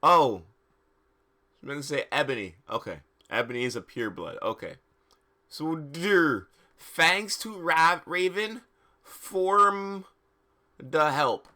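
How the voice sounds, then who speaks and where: Speaking with fairly high pitch, an expressive delivery and a sharp tone, a man on a live stream swings between dramatic reading and slangy, casual commentary. He halts often, repeats words and sounds exasperated.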